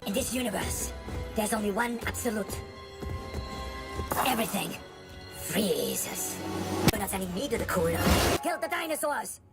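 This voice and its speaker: Mister Freeze, a punning ice villain. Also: male voice, sits high, moderate pace, gravelly, long pauses, loud music behind the voice, exaggerated voice. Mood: cold menacing. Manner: deadpan punning menace. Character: icy male supervillain, cold and pun-loving. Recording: film clip under loud score.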